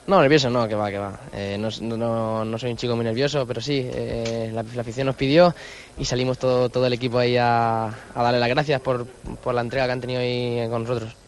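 Young man in his 20s, footballer, quick speech, halting and modest. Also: mid-range voice, fairly even intonation. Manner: modest, halting, with repeated words. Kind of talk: post-match interview.

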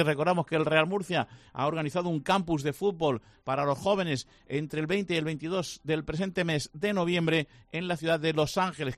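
A man reading the sports news on radio in a loud, emphatic announcing style. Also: a little high, dry recording. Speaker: sports reporter.

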